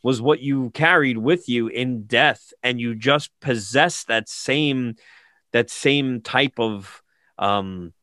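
A man casually retelling a film plot with lots of fillers and animated asides. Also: medium pitch, slow, dry recording, studio quality.

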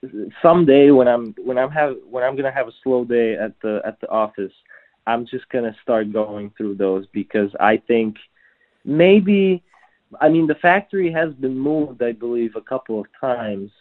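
A man's voice: medium pitch, expressive. A man talking casually about menswear in a podcast conversation, stopping and restarting his sentences often. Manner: halting, many restarts and fillers. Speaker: customer service at a trouser maker. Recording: tinny phone-like line.

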